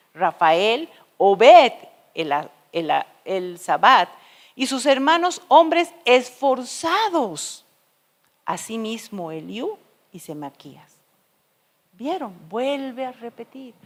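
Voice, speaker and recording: A woman preacher delivering a sermon, telling stories with dramatic shifts between loud and soft. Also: fairly high pitch, in a large hall. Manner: expressive storytelling with dramatic shifts in loudness. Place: church.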